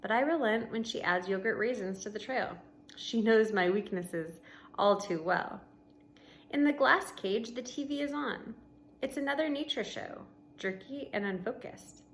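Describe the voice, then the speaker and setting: A woman with a slightly high voice reads a children's book aloud expressively, like a teacher with pupils, pausing deliberately between short phrases and adding casual explanations. There is noticeable background noise in the recording.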